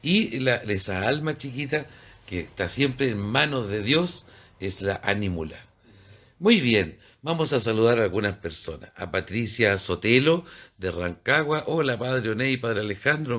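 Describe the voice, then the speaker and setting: A man's voice: mid-range voice, lively intonation, a little slow, fairly bright tone. A man, a priest hosting a church program, explaining terms and greeting viewers. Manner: explanatory, spells out terms, asks rhetorical questions.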